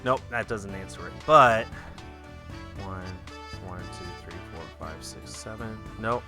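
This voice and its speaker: A man's voice: fairly low pitch, measured pace. A man giving casual live commentary on a game stream, thinking aloud and muttering as he works. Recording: loud game music behind.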